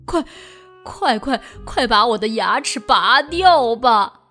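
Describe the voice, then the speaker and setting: A woman's voice: high-pitched, sing-song, very slow, soft background music, exaggerated voice. A woman voicing a big boastful male tiger with a toothache, whining and groaning, in a children's storybook reading. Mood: pained groaning.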